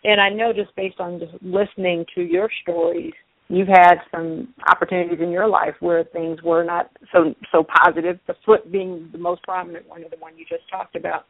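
A woman's voice: fairly low pitch, fairly even intonation, normal speed, no echo. A woman hosting a radio show in a conversational interview style. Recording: thin, phone-like radio sound.

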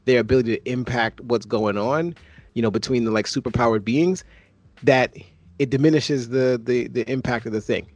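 A man's voice: mid-range voice, no room sound. Man, thirties, casual movie chat, rambling restarts, dry close sound. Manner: rambling, self-correcting. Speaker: podcast co-host.

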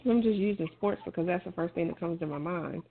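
Over thin, phone-like audio with noticeable noise, a middle-aged woman speaks quickly in a fairly low voice. She chats casually, offering emphatic, encouraging advice in everyday language.

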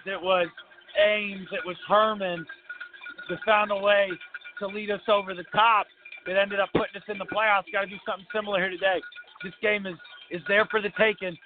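A male co-commentator talks through the game in a high voice. The broadcast sound is thin and narrow, with clear background noise. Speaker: sports co-commentator. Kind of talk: halftime commentary. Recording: thin, noisy broadcast feed.

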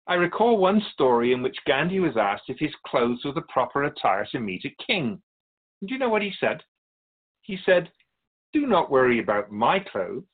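Sing-song and a little breathy, this mid-range male voice is heard with phone-quality sound as he plays an otherworldly guardian of souls in a radio drama. He narrates with wry wisdom and courtesy, measured and philosophical, gently pushing back as he tells his tales.

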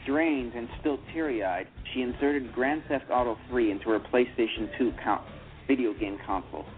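A man with a medium-pitched voice reads a novel aloud for a radio play at a normal speed. His delivery is steady, though he corrects himself frequently, and the sound is thin and tinny, like radio over a phone line.

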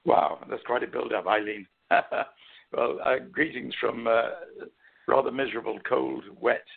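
An older British man with a hoarse, croaky frog voice, telling his story haltingly as an interview guest. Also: medium pitch, steady tone. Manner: halting, hesitant delivery with frequent pauses. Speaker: interview guest, author and journalist. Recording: muffled, narrow phone-line sound.

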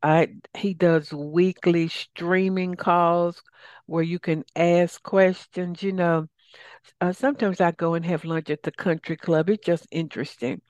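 A woman's voice: fairly low pitch, fairly even intonation, a little slow, a little mellow, no room sound. A woman speaking casually as the solo host of a coaching show, rambling conversationally with asides. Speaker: podcast host and life coach.

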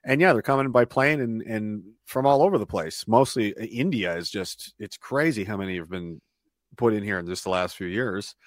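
A man's voice: lowish voice, moderate pace, no echo. Rambling man, dry close sound. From Canada. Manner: rambling, restarts phrases, chuckles mid-sentence. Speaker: podcast guest. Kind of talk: casual podcast conversation.

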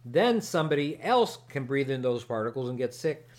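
A man hosting a podcast, answering a listener's question in a relaxed, explanatory way with fillers and small jokes. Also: mid-range voice, normal speed. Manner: explanatory, joking, with frequent fillers. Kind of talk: casual podcast chat and explanation.

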